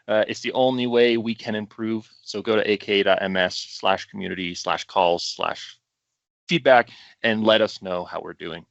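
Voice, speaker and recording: A man's voice: lowish voice, fairly even intonation, moderate pace, creaky, fairly bright tone, no room sound. A man hosting a community video call, upbeat and chatty with fillers as he wraps up. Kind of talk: wrapping up a live community call. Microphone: video call mic. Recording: dull, dry video-call audio.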